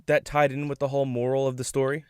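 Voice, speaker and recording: A man chatting casually as a guest on a fan podcast, relaxed and agreeable. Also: medium pitch, quick pace, smooth, no echo, clean studio sound.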